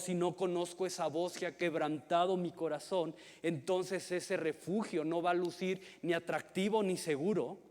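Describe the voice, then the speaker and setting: Slow-preaching pastor in an echoing hall. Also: male voice, a little high, a little mellow. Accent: Mexican Spanish. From Mexico. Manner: earnest, repeats words when starting phrases. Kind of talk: sermon. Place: church hall. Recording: long reverb of a large hall.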